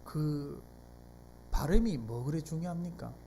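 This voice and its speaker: A pastor with a Gyeongsang Korean accent delivers a sermon in a church sanctuary. The speech rises and falls with a lively, animated pitch. It is conversational preaching, with one rhetorical question after another to the people in the pews. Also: a little slow, a little hiss or hum. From South Korea.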